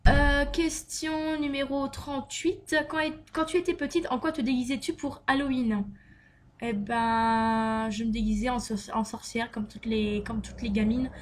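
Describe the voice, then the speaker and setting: A young beauty vlogger from Luxembourg, with a somewhat high voice, reads out tag questions for her vlog and answers each in a loose, giggly way. She's chatty, filling her speech with lots of "euh" and "donc voilà".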